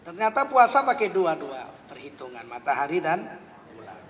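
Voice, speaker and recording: Male preacher, high voice, storytelling sermon, acts out dialogue, echoing hall. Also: normal speed. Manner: lively anecdotal telling, acting out both sides of dialogue. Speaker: Islamic preacher. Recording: long hall reverb, faint background noise.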